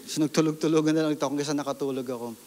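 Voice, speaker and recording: A man's voice: a little high, steady tone, racing, a little mellow, long reverb tail. A man from the Philippines, a pastor, giving a sermon testimony and asking the congregation questions as he tells his story.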